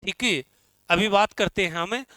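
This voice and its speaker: A male Sanskrit teacher, drawing out syllables slowly as he asks his class questions and answers them himself. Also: high-pitched, sharp tone, no echo. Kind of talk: classroom lesson on pronunciation.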